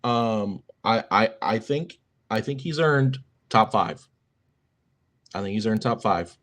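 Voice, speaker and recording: A young man co-hosting a casual sports podcast, joking and filling pauses with lots of ums. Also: on the low side, expressive, a bit bright. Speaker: podcast co-host.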